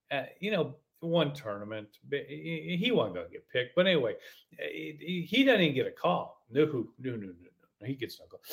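A man's voice: a little high, creaky, a bit bright. A middle-aged man hosting a podcast and ranting in a casual way, full of rhetorical questions and stuttered repeats. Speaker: podcast host.

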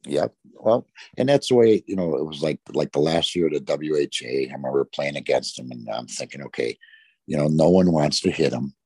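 A man's voice: a bass voice, lively intonation, a little fast, mellow, breathy edge, dry recording. A middle-aged man, a former hockey player from the Detroit area, tells long rambling stories in an interview, full of "you know". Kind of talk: storytelling in an interview.

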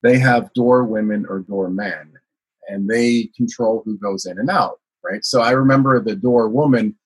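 The poor-quality audio catches a husky, lowish voice at normal speed from an American guest in a casual interview. He rambles through his life story with frequent fillers, especially "you know."

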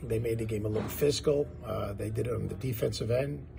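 Gravelly man giving sports analysis. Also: lowish voice, fast, background noise. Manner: emphatic, repetitive build-up of points. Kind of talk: post-game basketball commentary.

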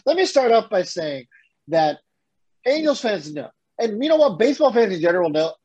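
A man's voice: sits high, normal speed, slightly rough, highs cut off. A man co-hosting a casual sports podcast, ranting with energy and the odd curse. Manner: animated, swears, rants. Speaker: podcast co-host.

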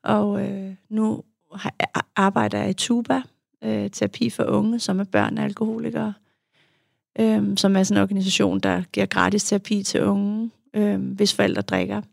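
A woman's voice: medium pitch, creaky, no echo, studio quality. A young woman, a podcast guest and youth therapist, telling her story candidly and reflectively, with many fillers. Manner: frank, reflective, with frequent fillers. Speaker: guest, adult child of an alcoholic.

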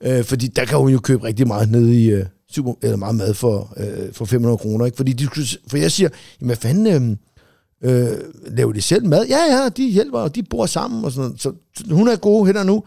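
A man with a gravelly, dark voice spins a rambling story in casual podcast chat. He swears freely and fills every gap with hesitations, and his voice sounds dry and close to the mic. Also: medium pitch, lively intonation, dry recording. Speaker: podcast co-host.

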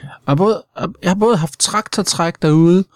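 A man improvising an eager young farmer brother in a comedy interview, quick to agree. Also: high-pitched, dry recording, clean studio sound, close to an everyday voice.

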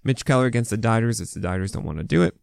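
American man, swollen mouth, fry-heavy voice, opinionated podcast host, off-the-cuff sports rundown, very dry sound. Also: on the low side, very fast, dry recording. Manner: casual, opinionated rundown with frequent asides. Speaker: fantasy baseball podcast host. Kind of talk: unscripted sports podcast commentary.

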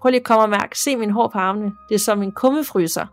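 A woman voicing a frightened young man inside a ghost story she is reading aloud, in her own plain voice over faint music. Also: high voice. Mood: uneasy. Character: young man, frightened then eerily calm.

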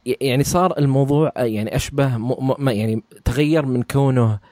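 A man hosting a podcast who asks questions and sums up his guest's answers in a hesitant, halting way. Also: mid-range voice, mellow, no echo. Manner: hesitant, halting, with many restarts and fillers. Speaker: podcast host. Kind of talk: interview questions and summaries.

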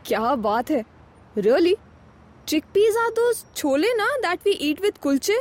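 A woman's voice: sits high, very animated, a little fast. A woman with an Indian accent playing a curious, harried mother in a scripted chat, exclaiming and asking questions in mixed Hindi and English. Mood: curious, impressed. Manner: exclamatory, inquisitive, Hindi-English code-switching. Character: curious, harried mother seeking lunchbox ideas from a friend. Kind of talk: scripted conversational dialogue. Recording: music bed under the voice.

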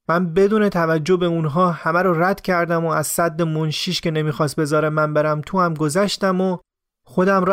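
A man narrating a true story in the first person for a podcast, in a calm, measured, reflective way. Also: fairly high pitch. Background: faint music.

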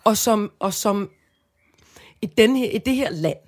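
Earnest Danish woman, halting speech. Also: medium pitch, lively intonation. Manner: earnest, halting, many restarts and fillers. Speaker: podcast co-host. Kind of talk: casual chat.

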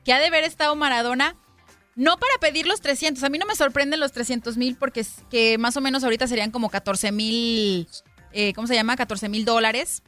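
A woman's voice: on the high side, a little fast, sharp tone, soft background music. A woman co-hosting a casual chat, commenting and steering the conversation. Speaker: co-host.

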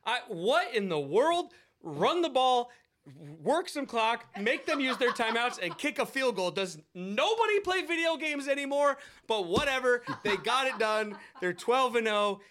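A man from Seattle hosts a casual sports podcast in a high, lively voice. He gets excitable, jumping from loud outbursts to mumbled asides. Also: a little slow, crowd noise. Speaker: podcast host.

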